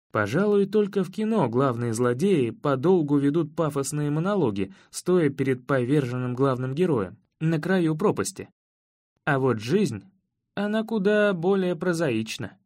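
A man reading a first-person story as an audiobook narrator, in measured, evenly paced storytelling. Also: fairly high pitch, a little mellow, dry recording, clean studio sound.

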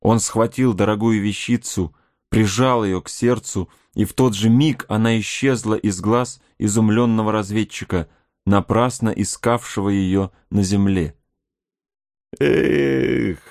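Low-voiced man reading a story. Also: steady tone, normal speed, darkish tone, no echo, studio quality. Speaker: audiobook reader. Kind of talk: storybook narration.

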